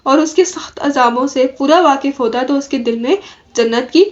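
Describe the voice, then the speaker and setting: High-voiced woman teaching a religious lesson. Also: muffled recording. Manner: explains slowly, poses questions then answers them. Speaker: Quran commentary teacher.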